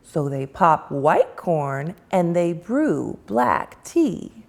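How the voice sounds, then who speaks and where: Woman reading a bedtime story, very slow, sing-song rhyme, lively rising and falling voice. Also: lowish voice, vocal fry. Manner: slow, sing-song, drawn-out rhyming delivery. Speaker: children's author reading aloud. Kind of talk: expressive read-aloud storytelling.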